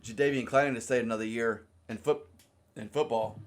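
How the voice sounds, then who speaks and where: A man's voice: medium pitch, fairly even intonation, a little fast, slight background noise. A man from South Carolina with a Southern US accent, chatting loosely about sports on a podcast and often repeating words as he starts a thought. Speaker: podcast co-host. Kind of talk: casual chat.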